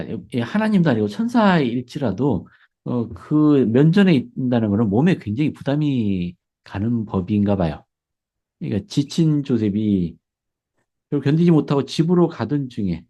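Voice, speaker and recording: A man giving a casual spoken lesson on church history. His sibilants slur slightly because of braces, he fills pauses with short yeses, and he chuckles often. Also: mid-range voice, dark tone.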